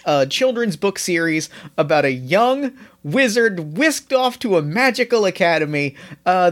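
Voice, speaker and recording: A man's voice: high voice, a bit bright. A man hosting a podcast, talking in an enthusiastic, effusive and informal way as he introduces the show. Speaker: podcast host. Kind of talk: casual podcast introduction and interview.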